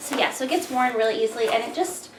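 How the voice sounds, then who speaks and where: A young woman, chatting excitedly to camera at home, a bit out of breath. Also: a little high, rapid-fire. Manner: bubbly and excited, chatty with many fillers. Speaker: home cleaning vlogger. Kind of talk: casual chat to camera. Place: home bedroom, indoors. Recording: echoey room with clear background noise.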